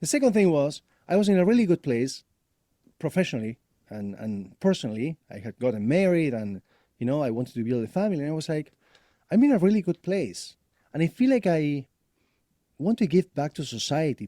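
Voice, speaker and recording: A man in his forties from Argentina, a guest telling his career story in a lively, laughing way. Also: on the high side, fairly quick, dry recording, studio quality. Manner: animated storyteller, laughs often. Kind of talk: casual interview.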